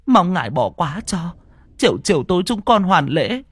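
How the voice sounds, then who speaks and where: Guy doing an old village granny, high and stammering, begging over and over. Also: very animated, moderate pace, slightly rough, dry recording, exaggerated voice. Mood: pleading. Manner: stammering, imploring. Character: old village woman, pleading and fretful.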